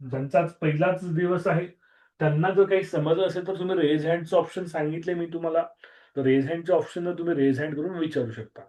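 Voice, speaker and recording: A slightly hoarse man with a Marathi accent, teaching a strict online maths class over a video call and repeating key words, with some English mixed in. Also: fairly high pitch, fairly even intonation, a little fast, a little mellow. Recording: muffled video-call audio.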